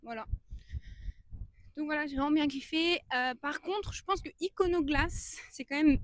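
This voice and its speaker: A woman's voice: high voice, moderate pace. A woman vlogger talking in a casual, chatty way. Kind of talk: casual vlog chat. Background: clear guitar music.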